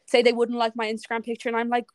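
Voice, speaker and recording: A woman's voice: on the high side, monotone, racing, no room sound. Frank young Irish woman, rambling chat. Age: 20s. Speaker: podcast guest. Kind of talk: casual interview chat. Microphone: remote call audio.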